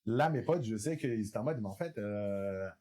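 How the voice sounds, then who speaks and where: A young man, an improv performer, in a casual panel talk, animated and laughing often, with many restarts. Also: fairly low pitch, normal speed.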